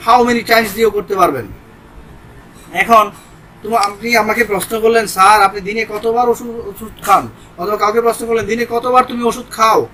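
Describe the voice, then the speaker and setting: Man, Bangladeshi accent, English teacher, high voice, bright tone, step-by-step explaining, faint hiss behind. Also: low-quality recording. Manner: explains step by step, mixing Bengali with English examples. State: sweating in a hot room. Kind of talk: informal grammar lesson.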